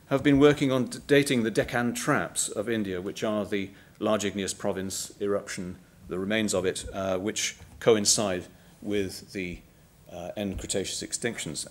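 A middle-aged man giving a public science lecture, measured and halting, with frequent ums and uhs. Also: lowish voice.

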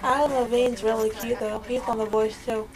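Young woman, loopy after wisdom teeth surgery, high creaky voice, numb-mouthed childlike rambling. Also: flat delivery, moderate pace, low-quality recording. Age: young adult. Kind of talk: casual chat. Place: small dental clinic recovery area, indoors. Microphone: handheld camera at close range.

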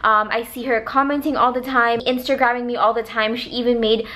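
A woman's voice: on the high side, steady tone, a little fast, sharp tone. A young adult woman, chatting casually to a camera held at arm's length. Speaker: vlogger. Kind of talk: casual vlog chat.

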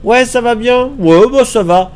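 Slow, congested man streaming a game. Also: very high-pitched, slight background noise. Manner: relaxed, chatty, thinks aloud and repeats words. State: slightly congested, stuffy nose. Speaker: streamer playing a survival game. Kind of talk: casual live-stream commentary.

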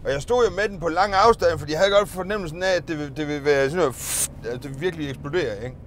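A man's voice: on the high side, a little hiss or hum. A man vlogging, casually telling childhood stories, rambling with restarts, swearing and laughing often. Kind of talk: casual storytelling of childhood memories.

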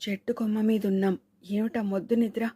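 A woman's voice: medium pitch, level tone, brisk, mellow, slightly rough, lightly acted. Woman reading as a wary learned man. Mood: cautious. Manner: anxious, scolding. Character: cautious learned man, the teller, uneasy.

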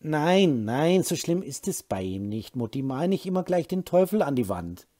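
A man voicing an upset young woman, pitched up. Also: very animated, moderate pace, dark tone. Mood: reassuring. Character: worried young woman defending her drinking partner. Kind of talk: audiobook character voice.

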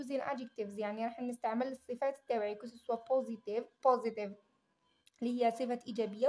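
A woman teacher with an Algerian Arabic accent walks students through English exam questions. Her voice sits high. She reads each English line slowly and deliberately before explaining it. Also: a little mellow. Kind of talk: exam-prep lesson.

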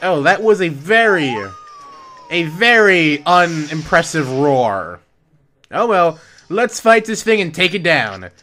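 This let's play host is a woman whose fairly bright, lowish voice swings widely in pitch while she speaks slowly. She chats about the game casually, fixes her own wording, and reads the dialogue out, with game music behind her.

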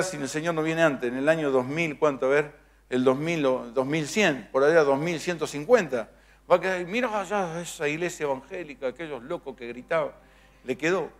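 A middle-aged male pastor with a Rioplatense accent, preaching a sermon in a jokey storytelling way and acting out little scenes. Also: a little high. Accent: Rioplatense Spanish.

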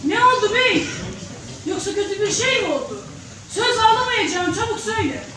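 In a very echoey hall, far from the microphone, an anxious village wife played by an actress speaks on stage. Her voice is extremely high, pleading and insistent with her husband. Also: sing-song, moderate pace, background noise. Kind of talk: stage drama.

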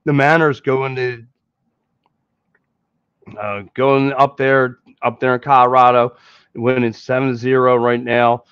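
A man in his thirties with a Philadelphia accent hosts a relaxed postgame sports podcast, rambling with constant repeats and restarts. His mid-range voice is clear, resonant and a bit bright, with little pitch movement, a measured pace and frequent pauses. Recorded on a headset mic in a small indoor room with a green screen, the audio is dull, lo-fi and dry.

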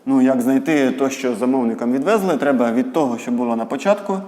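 A math tutor explains a homework problem step by step as he writes, thinking aloud with fillers. He talks fast in a medium-pitched, slightly mellow voice, with a little hiss or hum and long reverb from an echoey room.

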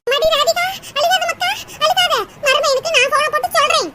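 An actor voicing a sharp-tongued older village mother who scolds her daughter-in-law, in a cartoon. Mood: coaxing. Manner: shrill, nagging, quick scolding. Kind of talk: cartoon voice acting. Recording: loud background noise.

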